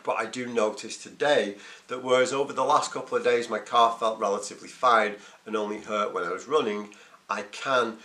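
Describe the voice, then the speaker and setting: Low-voiced man talking in an echoey room. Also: fairly even intonation, a little fast, bright, forceful tone. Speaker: runner vlogging his race preparation. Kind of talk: casual video diary.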